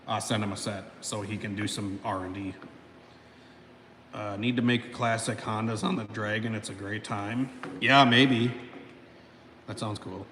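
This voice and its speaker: A man in his thirties, his voice mid-range and a little bright, hosts a casual livestream alone beside a car lift in his home garage. He reads chat comments aloud, rambles, swears a lot and laughs between sentences. The garage sounds echoey, with faint background noise.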